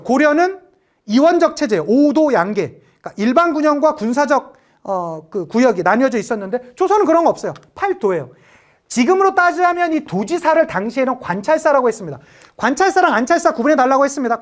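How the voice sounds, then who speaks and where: A history lecturer with a high voice teaches an exam-prep class, peppering her students with rhetorical questions. Her pitch swings widely whenever she acts out short quoted lines.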